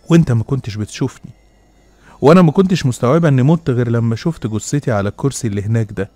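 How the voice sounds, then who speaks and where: A man's voice: medium pitch, mellow, dry recording, lightly acted. A man voicing a motherly old woman's ghost with an Egyptian accent, speaking tenderly and calling the listener her son. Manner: tender, calls him "my son". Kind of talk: storytelling voice acting.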